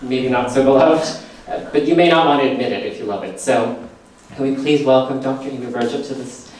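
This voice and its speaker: A man's voice: medium pitch, fairly quick, darkish tone. A man hosting a live comedy science show with an audience, playful and laughing often. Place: theater stage. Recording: echoey theater from far off.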